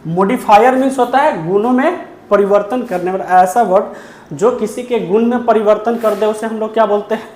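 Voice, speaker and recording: A woman teaching a grammar lesson, who poses questions and answers them herself and repeats key terms slowly. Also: mid-range voice, a little mellow, echoey room.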